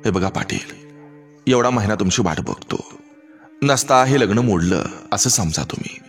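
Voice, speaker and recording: A man's voice: fairly low pitch, lively intonation, unhurried, soft background music. A man voicing a blunt, demanding older father-in-law from a village, with a rural Marathi accent. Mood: stern.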